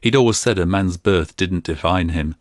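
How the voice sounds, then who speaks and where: A man narrating a fantasy audiobook in a steady, even storytelling manner. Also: low-pitched, moderate pace, no room sound, clean studio sound. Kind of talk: scripted narration.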